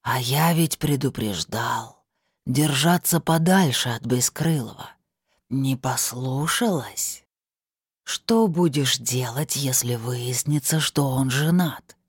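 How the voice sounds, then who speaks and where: A woman reading an audiobook voices a cruel, mocking invisible male spirit with a husky, slow, drawn-out voice. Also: very deep voice, no echo, studio quality, pitched below the performer's own voice, exaggerated voice. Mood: taunting. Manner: taunting, scornful. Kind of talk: audiobook narration.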